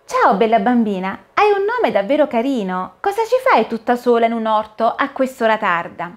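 A gentle young princess, as a woman puts her on, sweet and soothing, speaking higher than a plain voice. She sounds warm and kind, the way a fairy-tale heroine sounds in a children's story. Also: very animated, normal speed.

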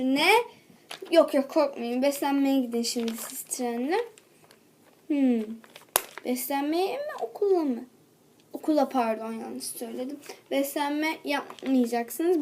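A woman's voice: high voice, darkish tone, slight background noise. A woman voicing a bossy, fussy female pony schoolteacher who nags her pupils in a toy role-play. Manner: nagging, hurrying the pupils along.

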